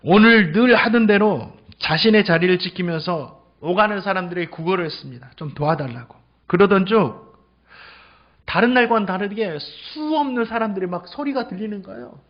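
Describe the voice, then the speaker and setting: A man with a high-pitched voice delivers a Sunday sermon in a storytelling way. He moves between quiet asides and loud, stretched-out declarations. The recording is dull and lo-fi. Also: lively intonation. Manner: storytelling preaching, swings from hushed to loud exclamations; stretches out words slowly for emphasis. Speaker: pastor.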